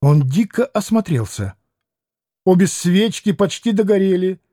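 High-voiced male audiobook narrator. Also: lively intonation, a little slow, dark tone, no room sound, studio quality. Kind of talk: scripted literary narration.

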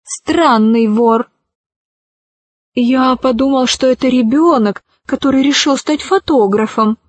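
A woman's voice: high voice, slow pace, dry recording. A woman voicing a devoted male archaeologist. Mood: earnest.

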